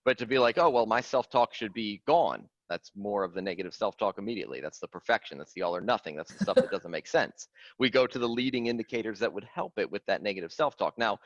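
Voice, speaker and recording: A man, coaching clients on a video call in an earnest, animated way, stressing key phrases by repeating them. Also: fairly low pitch, fast, dry recording. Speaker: fitness coach. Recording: dry, dull lo-fi call audio.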